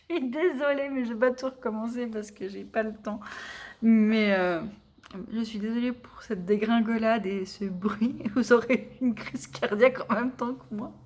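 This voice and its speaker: A woman's voice: on the high side, normal speed, darkish tone. Chatty young woman gushing about books. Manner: chatty, rambling, many fillers and restarts; enthusiastic, gushing. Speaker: book vlogger. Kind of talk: casual chat.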